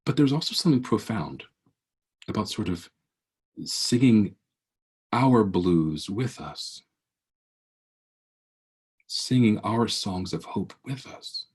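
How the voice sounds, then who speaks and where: A man's voice: on the low side, lively intonation, slow, pauses often, a little mellow, husky. A man in his forties giving an earnest, preacher-like motivational keynote over a video call, often restarting his phrases. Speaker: keynote speaker.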